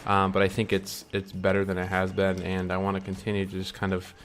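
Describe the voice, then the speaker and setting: A young vlogger's low-pitched, totally flat voice moves at a brisk clip as he chews candy and earnestly reflects on his dreams. The monologue is casual and meandering, full of ums and restarts, with a little hiss or hum in the background.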